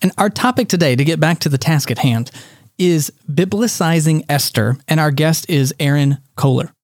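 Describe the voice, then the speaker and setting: A man's voice: a little high, moderate pace, no echo, studio quality. A man hosting a podcast, interviewing in a casual, conversational way. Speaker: podcast host.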